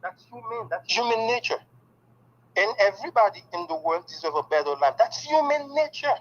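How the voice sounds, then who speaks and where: In a brisk, high voice captured with dull audio, a man from Haiti speaking natively answers interview questions. He is excited, candid and emphatic, and his speech is full of "okay."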